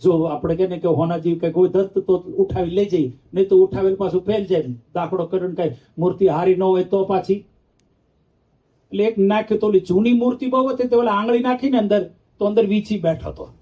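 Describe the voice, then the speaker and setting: A man's voice: high voice, fairly even intonation, fairly quick. A male monk giving a storytelling sermon, playfully acting out characters and teasing his listeners. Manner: playful, acts out the characters, teases the audience. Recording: dull lo-fi sound.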